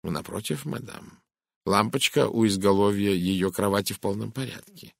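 A man voicing a stern, fussy older Belgian detective in an audiobook, asking measured questions. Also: lowish voice, gravelly, dry recording, clean studio sound. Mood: probing.

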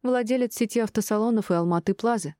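A woman's voice: fairly high pitch, fast talker, warm tone, dry recording, clean studio sound, voice pushed up, natural voice. A woman voicing an emotional grown daughter who pleads and defends herself through tears. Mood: defensive. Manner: pleading, tearful.

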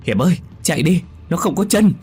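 A man plays a young villager so scared he can barely get the words out, stammering and trembling. His voice sits low and heavy until panic pushes it up into yelps, the kind of shaking fright heard in a spoken ghost story. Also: animated, quick pace, a little mellow, breathy edge, soft background music. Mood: panicked.

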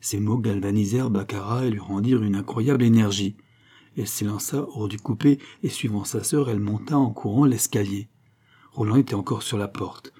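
Male audiobook narrator, low and husky, measured dramatic delivery. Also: warm tone. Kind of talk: novel narration.

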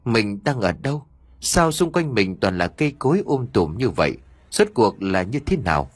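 A man narrating an audiobook story in an expressive, dramatic way. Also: lowish voice, moderate pace, breathy edge, no room sound.

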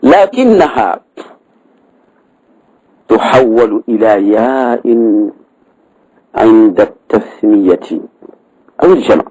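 Male teacher, slow deliberate lecturing, dry close sound. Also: on the low side, lively intonation, warm tone, no echo, poor audio. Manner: deliberate, repeats key words, prompts with short "ha" tags. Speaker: grammar teacher. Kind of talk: explanatory lecture on a verse text.

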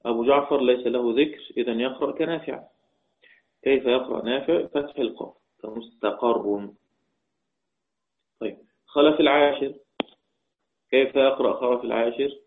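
A man with an Egyptian accent teaching a religious lesson, asking and answering his own questions and chanting quoted verses slowly. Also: medium pitch, steady tone. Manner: slow melodic recitation of quoted verses between explanations; asks questions and answers them himself, repeating key points. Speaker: Quran recitation teacher. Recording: tinny phone-like audio.

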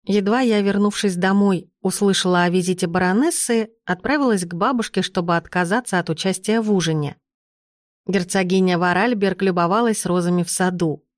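A woman narrating an audiobook in a measured storytelling manner on a close studio mic. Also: lowish voice, dry recording. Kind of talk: scripted narration.

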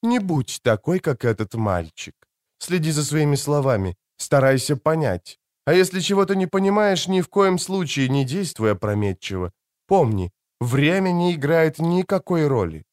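A male audiobook reader voicing a cold, stern ancient male elf who speaks with calm, measured warnings. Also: on the high side, no room sound, studio quality, pitched above the performer's own voice. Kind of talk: audiobook character reading.

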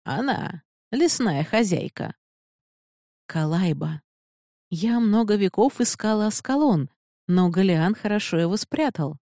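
A woman voicing a frail, confused old count who speaks in a slow, halting, trembling way. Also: mid-range voice, lively intonation, dark tone, no echo, clean studio sound, pitched above the performer's own voice. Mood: solemn.

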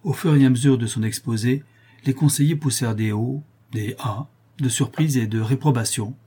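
A man narrating a historical novel as an audiobook, in a measured, even storytelling manner. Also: mid-range voice, breathy edge.

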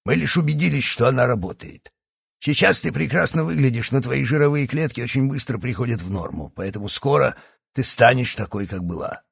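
A gravelly old villain doctor. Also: male voice, medium pitch, fairly quick, no room sound, clean studio sound. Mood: cold. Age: over 60. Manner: condescending, sly. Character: scheming old male doctor, secretly a villainous professor. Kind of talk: audiobook character acting.

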